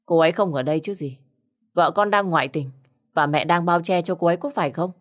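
A woman's voice: lowish voice, brisk, close to an everyday voice. A woman reader voicing an angry, jealous young husband who speaks in harsh, accusing bursts. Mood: furious.

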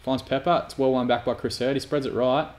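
A man's voice: mid-range voice, fairly even intonation, fairly quick, a little mellow. A man commentating his own football manager game, prone to sweary, exasperated outbursts. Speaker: gaming YouTuber.

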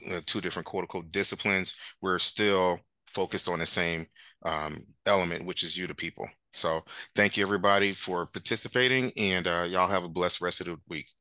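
A man's voice: low-pitched, fairly even intonation, fairly quick, bright, forceful tone, dry recording. A man hosting a webinar over a video call, rambling loosely with many fillers. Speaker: webinar host. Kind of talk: casual webinar talk.

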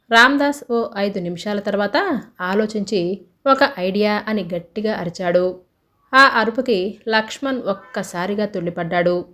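A woman narrating a story in a steady storybook reading voice, giving the characters' lines in much the same voice. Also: medium pitch. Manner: reads dialogue of several characters in one even voice.

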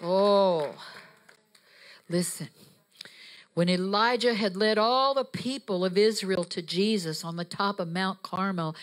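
With a handheld mic in hand, a woman pacing the stage of a mid-sized church sanctuary preaches a sermon as the guest speaker. Her mid-range voice carries fervor and emphasis that builds toward exhortation.

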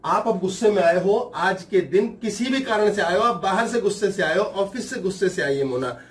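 Animated man storytelling from a distance. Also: sits high, a little hiss or hum. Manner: animated, switches into quick mimicking voices. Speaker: motivational speaker. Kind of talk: storytelling talk with acted voices.

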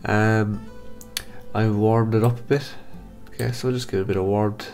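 A man with a blocked-up, nasal voice from hay fever, calmly talking through a software photo-editing tutorial step by step. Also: lowish voice, moderate pace, faint music behind. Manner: calm step-by-step instructions. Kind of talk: screen-recorded software tutorial.

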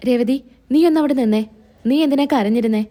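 A woman's voice: sits high, fairly quick, dark tone, natural voice. A woman voicing a protective young husband who speaks in an insistent, reassuring way in a retold serial story. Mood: concerned.

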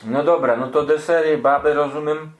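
A man's voice: a little high, fairly even intonation, moderate pace, a little hiss or hum. A man casually interviewing his grandmother, asking informal, inquisitive questions with a teasing streak.

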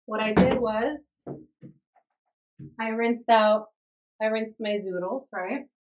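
Speaking slowly in a slightly high, darkish voice, a young woman who vlogs about cooking shows viewers how she cooks at home, casual, chatty, and enthusiastic. The camera sits on a stand, close when she talks to it and a little farther off when she's at the stove.

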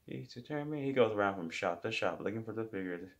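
A man's voice: on the low side, fairly even intonation, fast, a bit bright. A man improvising a silly story off the top of his head, rambling with many restarts and repeated words.

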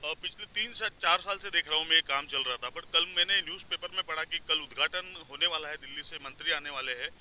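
A man's voice: a little high, a little fast, hardly any pauses, bright, forceful tone, poor audio. A man in his thirties, a local resident, interviewed outdoors on a seaside jetty, speaking plainly into a reporter's handheld mic and slipping English words into his speech. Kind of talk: street interview. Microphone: handheld mic held by reporter.

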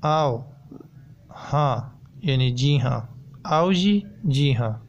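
A man teaching a language lesson, slowly repeating each word and phrase as he drills it. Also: medium pitch, expressive, lo-fi sound. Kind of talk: slow, repetitive language lesson. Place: voice-over on a slide video.

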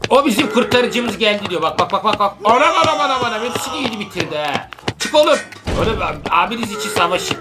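A man giving excitable casual commentary while coaching his daughter through a video game. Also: sits high, fast. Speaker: parent playing with his daughter. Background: game music.

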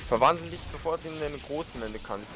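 A man's voice: a little high, fairly quick. A man giving casual, colloquial and grumbling commentary as he plays a game with a partner. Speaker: let's player. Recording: clear game battle noise behind.

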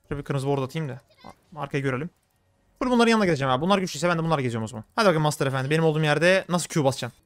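A young man commenting on his own game as he plays, talking fast and getting worked up. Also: on the high side, no room sound. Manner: rapid, excitable, swings into frustrated outbursts. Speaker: gaming streamer. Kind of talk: live gameplay commentary.

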